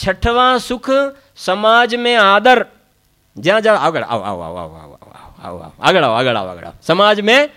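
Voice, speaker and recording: A man's voice: high-pitched, fairly bright tone. A man giving a religious discourse, repeating points with emphasis and prodding listeners with short questions. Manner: frequent questioning interjections to listeners; repetitive, emphatic teaching with proverbs. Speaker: Jain spiritual lecturer.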